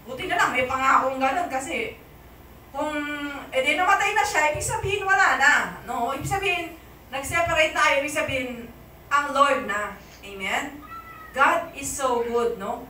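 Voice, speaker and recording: A woman's voice: high-pitched, normal speed, sharp tone, slight background noise. A Filipino woman pastor giving a conversational sermon, often asking the congregation "amen?", recorded in an echoey church hall from a distance.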